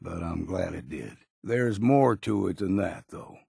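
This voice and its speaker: A grizzled old seafarer from a video game, with a heavily creaking, rasping, lowish voice. He is plain-spoken and curmudgeonly, worn down by years yet loyal underneath. The sound is dry and close, with no room around it. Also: animated, measured pace, darkish tone, no room sound, heavily acted. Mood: gruff, guarded. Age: older. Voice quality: gravelly, raspy. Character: gruff, stubborn old seafarer, weary but loyal. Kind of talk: video game character dialogue.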